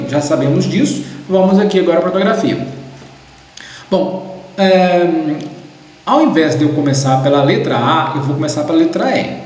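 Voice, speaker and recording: A man with a Brazilian Portuguese accent explains a grading guide step by step and keeps checking in with his listeners. His voice sits a little high for a man. It rings through a very echoey room with a long reverb tail. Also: darkish tone. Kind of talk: recorded lesson walkthrough.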